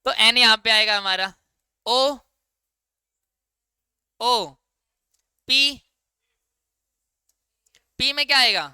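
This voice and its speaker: A man teaching a class in a very bright, crisp, clear voice. He fires questions at his students and answers them himself, in a casual lecture style. The sound is dry and close, with no room echo. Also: extremely high pitch, drawn-out words, pauses often. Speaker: English grammar teacher.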